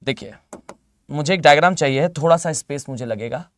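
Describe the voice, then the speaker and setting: A man's voice: fairly high pitch, brisk. A male geography teacher giving a live exam-prep lecture in a conversational, repetitive way with many fillers. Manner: conversational, repeats himself, lots of fillers.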